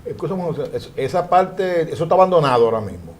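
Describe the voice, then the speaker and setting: A man's voice: on the high side, very animated, fast talker, a little mellow, slight background noise. A man, hosting a panel talk show, speaking conversationally with frequent restarts. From San Juan, Dominican Republic. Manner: conversational, many restarts and repeated words.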